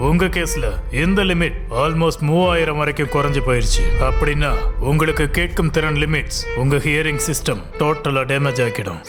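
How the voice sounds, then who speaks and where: An actor playing an audiologist who explains a patient's hearing diagnosis in a plain, matter-of-fact way in a dubbed film. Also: male voice, a little high, lightly acted. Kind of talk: dubbed horror film acting. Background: film music.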